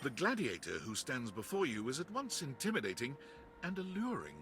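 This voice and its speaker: A man's voice: mid-range voice, wildly swooping pitch, brisk. A man playing a wry, dramatic storyteller, narrating a video game in the second person. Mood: dramatic, admiring. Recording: clear music behind the voice.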